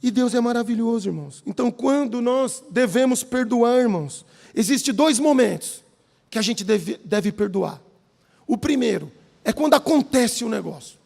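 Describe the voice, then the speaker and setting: A man's voice: extremely high pitch, normal speed, gravelly. A man with a Brazilian Portuguese accent preaching a sermon in a church hall, telling stories and often addressing the audience as brothers. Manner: lively, keeps calling the audience brothers. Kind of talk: sermon with personal storytelling.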